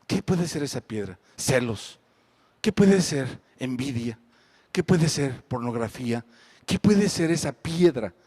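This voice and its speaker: During a live-streamed church service, a male pastor preaches, reading scripture with building force before quietly putting questions to the congregation. His medium-pitched voice is animated and a little slow, with a breathy edge.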